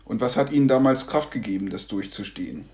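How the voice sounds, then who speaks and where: A man narrating a devotional story in a calm, measured way. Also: on the low side.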